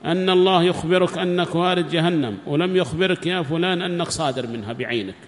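Speaking quickly in a slightly high voice, a man delivers a religious lesson with emphasis, repeating phrases and posing rhetorical questions. There's long reverb on the recording along with faint background noise.

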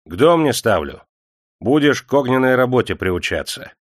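A man voicing a domineering male factory clerk who barks orders loudly and mockingly in a storybook reading. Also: mid-range voice, sing-song, moderate pace, dry recording, clean studio sound, pitched above the performer's own voice. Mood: commanding. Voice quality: loud, commanding, mocking.

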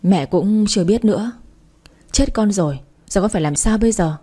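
A woman reading the part of an anxious, weak-willed young husband who pleads with his mother in a flustered way, in a mellow voice. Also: mid-range voice, normal speed, close to an everyday voice.

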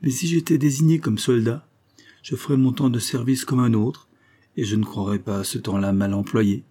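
A man voicing an earnest, steady young farm man who talks in calm, reasoned sentences. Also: medium pitch, normal speed, natural voice.

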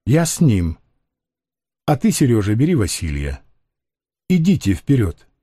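A man voicing a calm, grave condemned male revolutionary, speaking low and restrained. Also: a little slow, breathy edge, no echo, studio quality, full character voice.

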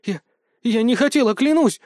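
A man voicing a small, feisty pigtailed female student who speaks in a shrill, heated way. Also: expressive, moderate pace, no room sound, studio quality. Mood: guilty.

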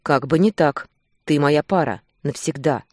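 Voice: mid-range voice, a little slow, a little mellow, no room sound, clean studio sound, lightly acted. The reader voicing a possessive, hot-tempered male werewolf who presses and commands in a romance audiobook. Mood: demanding.

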